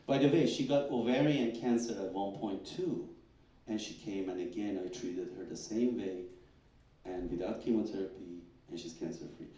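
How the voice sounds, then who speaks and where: A male doctor speaks from a stage in a big, echoing hall, his voice a little low and mellow. He tells stories with animation and acts out other people's stammering replies. The mic sits some distance away, so the room rings around him. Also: moderate pace. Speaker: doctor presenting research. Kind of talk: live talk at a fundraising event. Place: event hall.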